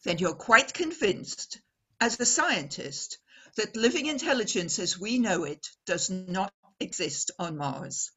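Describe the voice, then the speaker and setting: A woman playing a poised, earnest radio news reporter in an old-time radio drama, speaking formally and deliberately with dramatic emphasis. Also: medium pitch, lively intonation, fairly bright tone. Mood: inquisitive.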